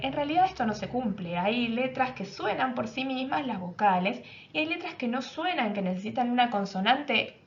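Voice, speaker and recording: A woman lecturer giving a recorded class, explaining step by step and asking rhetorical questions. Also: on the high side. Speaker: university lecturer. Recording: dull lo-fi audio with faint noise.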